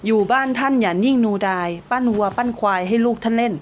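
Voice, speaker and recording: A woman's voice: on the high side, fast talker, slight background noise. Patient woman coaching a child. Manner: patient, coaxing, explains proverbs and laughs often. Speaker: parent teaching her child. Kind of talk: casual home reading lesson.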